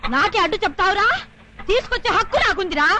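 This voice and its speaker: An actress playing a fierce village woman who defends her hen with loud curses and threats. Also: very high voice, lively intonation, fast talker. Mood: defiant. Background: film score.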